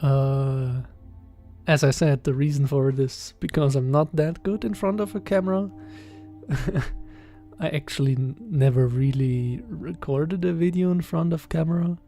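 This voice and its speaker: A young man in his twenties with a German accent, talking casually in a podcast-style voiceover, hesitant and halting with many fillers and soft chuckles. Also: fairly high pitch, soft background music. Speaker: channel host. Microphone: voiceover recorded separately.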